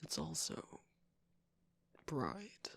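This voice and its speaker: In an ASMR roleplay, a performer voices a sly, manipulative male cookie trickster, mostly in a soft whisper. The teasing, sarcastic delivery is extremely slow, and the recording is dry.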